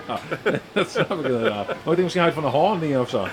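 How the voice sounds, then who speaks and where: A man's voice: on the high side, very animated, fast. A man with a Frisian accent interviewing people on an outdoor market street, chatty and laughing often. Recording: crowded outdoor street noise. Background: crowd at a market.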